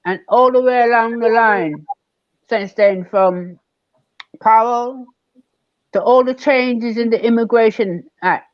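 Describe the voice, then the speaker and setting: An older man from Barbados, speaking as a guest elder in an online panel discussion, measured and emphatic, repeating key words. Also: extremely high pitch, no echo, lo-fi sound.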